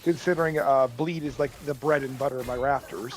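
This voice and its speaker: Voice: mid-range voice, steady tone, brisk, poor audio. A gaming partner chatting casually, thinking aloud about loot and character builds.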